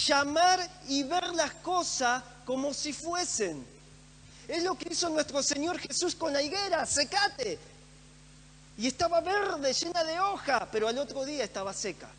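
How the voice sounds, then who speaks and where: A man's voice: extremely high pitch, fairly bright tone. A man preaching a sermon in a church, earnest and emphatic, repeating phrases for stress. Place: church hall. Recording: echoey church hall with faint hum.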